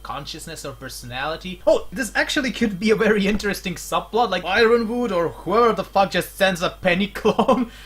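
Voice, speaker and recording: A man with a Slavic accent rambling through a casual podcast chat, halting and stuttering, often restarting his sentences. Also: high-pitched, animated, a bit bright, husky. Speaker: podcast co-host.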